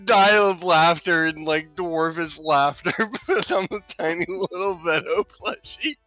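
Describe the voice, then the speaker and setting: Giggly male player on a call, laughing through his lines, high and bright. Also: a little slow, lo-fi sound. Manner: giggly, keeps breaking into laughter. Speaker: tabletop game player.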